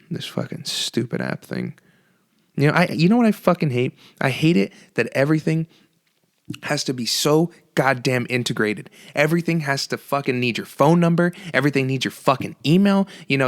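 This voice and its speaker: A man's voice: mid-range voice, fairly bright tone. A young man hosting a solo podcast, ranting casually and profanely with lots of restarts. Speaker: podcast host.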